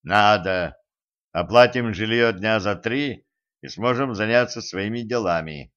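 A man's voice: lowish voice, measured pace, a bit bright. A man reading the lines of a battered male boxer, Koschei, with dry, curt wisecracks. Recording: dull lo-fi recording.

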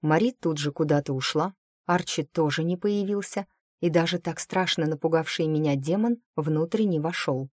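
A woman narrating a first-person fantasy audiobook in a lively, expressive storytelling manner. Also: deep voice, normal speed, no room sound, clean studio sound.

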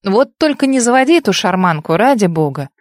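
A woman's voice: mid-range voice, expressive, a little fast, dry recording, close to an everyday voice. A woman voicing a cold, sarcastic wealthy young man who speaks in a dry, mocking way in an audiobook. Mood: irritated.

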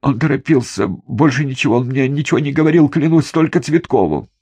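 A man reading an audiobook, voicing a terrified bound male captive who pleads in a high, panicked voice. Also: sing-song, normal speed, a little mellow, breathy edge, no room sound.

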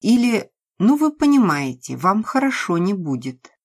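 A woman voicing a scheming woman who makes calm, falsely polite threats in an audiobook. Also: medium pitch, measured pace, voice pushed up. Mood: coldly calm.

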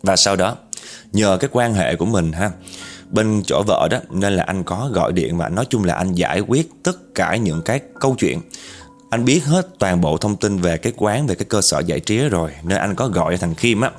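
A Southern Vietnamese man tells a true story in a relaxed, conversational way, turning to his listeners now and then. His voice sits on the low side. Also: normal speed, faint music behind. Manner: conversational, addresses listeners directly. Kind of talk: spoken true-story narration.

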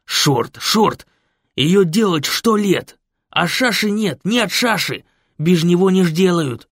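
A man voicing a loud, jolly bearded biker who has lost his dentures and lisps through mushy, toothless speech. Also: sits high, animated, takes it slowly, slightly rough, no room sound, studio quality, voice pushed up, exaggerated voice. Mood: agitated shouting. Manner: shouting, boisterous, drawn out.

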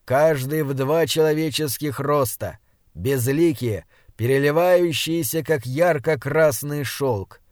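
A man narrating a fantasy audiobook in a steady, dramatic manner. His voice sits a little high for a man. He is recorded close on a studio mic with a dry sound. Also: slow, no echo. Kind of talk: scripted narration.

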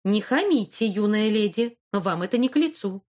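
A woman's voice: medium pitch, animated, moderate pace, close to an everyday voice. A woman reading an audiobook, voicing a caring but stern elderly grandmother who scolds and comforts her granddaughter. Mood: firm. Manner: warm but stern, reassuring. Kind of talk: audiobook character voice.

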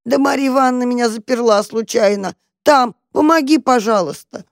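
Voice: mid-range voice, moderate pace, darkish tone, no echo, clean studio sound, pitched above the performer's own voice, natural voice. A storyteller voicing a frightened, starving female cat who whines and pleads in a tearful voice. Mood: whining, pleading.

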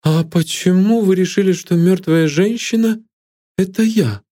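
A man's voice: high voice, unhurried, dark tone, voice pushed up. A man voicing a proud, cool young woman who turns feverish under questioning, read as an audiobook figure. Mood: shocked, feverish. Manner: cool and scornful, rising to feverish alarm.

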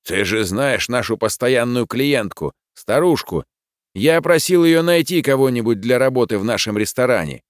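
A man voicing a calm, unbothered middle-aged chef who reasons things out patiently. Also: medium pitch, moderate pace, no room sound, studio quality, voice pushed up, lightly acted. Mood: reasoning. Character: easygoing middle-aged male restaurant chef. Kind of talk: audiobook character voice.

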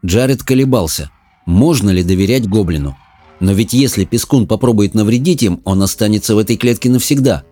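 Low, mellow male audiobook narrator. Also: fairly quick, no room sound.

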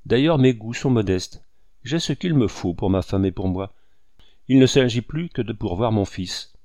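A blunt old army colonel barks out his terms, as a male audiobook reader puts him on. He has a low, gruff, commanding voice that cuts people short. It is recorded close and dry, with no room sound. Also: lively intonation, moderate pace, darkish tone, dry recording. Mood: impatient. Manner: brusque, commanding. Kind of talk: audiobook character reading.

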